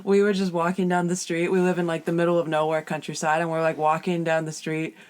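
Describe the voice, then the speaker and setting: Female podcast co-host, Canadian, slightly husky, casual conversation recorded inside a small trailer. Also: lowish voice, little pitch movement, quick pace, a little mellow. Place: inside a small caravan with soft furnishings.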